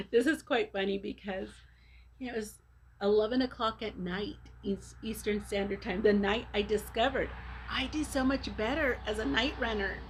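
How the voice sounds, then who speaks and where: A woman giving an earnest personal video message to supporters, speaking haltingly in short phrases as a charity fundraiser. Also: mid-range voice, poor audio. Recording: clear background noise.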